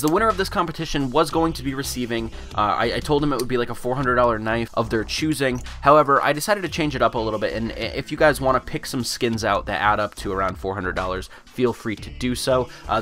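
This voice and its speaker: A young gaming YouTuber with a medium-pitched, fairly bright voice sounds congested from a cold. He chats casually over a screen recording while reviewing fan art, rambling and repeating himself.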